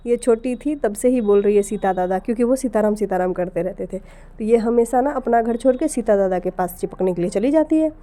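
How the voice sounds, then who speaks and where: A woman in her thirties, hoarse from a cold with a scratchy throat, chatting to viewers in a casual vlog. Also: a little high, dark tone. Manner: chatty, talks straight to viewers. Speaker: vlogger.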